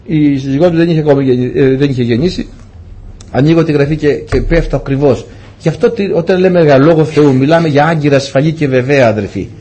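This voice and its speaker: A man preaching a sermon, telling stories and voicing the dialogue with big swings in pitch. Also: dark tone, breathy edge.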